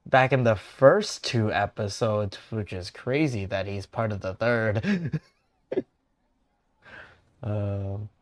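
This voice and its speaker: Excitable man streaming a game. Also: on the low side, slow, pauses often, dry recording. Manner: excitable, squealing outbursts.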